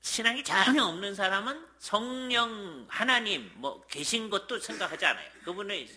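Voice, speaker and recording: A man lectures a church audience in a fairly high, very bright voice. He acts out quoted lines and sometimes drops to a whisper. He keeps checking in with the listeners, and his pitch rises and falls a lot. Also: moderate pace. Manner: lively, checks in with the audience by asking "예?". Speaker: guest lecturer at a church seminar. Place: church hall.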